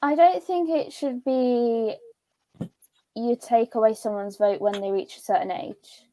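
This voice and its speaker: A woman on a discussion panel, giving measured, firm opinions. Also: a little high, warm tone, slight background noise, rough recording.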